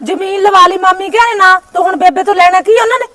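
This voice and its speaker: A woman's voice: extremely high pitch, fast talker, over a noisy crowd. A woman playing an insistent, hot-tempered daughter in a family drama skit. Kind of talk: village family drama acting.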